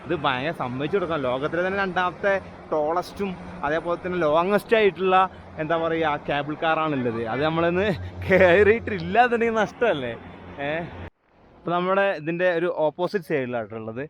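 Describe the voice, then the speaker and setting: A man with a Malayali accent chats casually and excitedly to viewers, repeating phrases and mixing Malayalam with English slang. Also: fairly high pitch, a little fast. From Kerala, India. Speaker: travel vlogger. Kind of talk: casual vlog chat to viewers. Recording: noisy outdoor ambience with vehicle sounds. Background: outdoor ambience, vehicle noise.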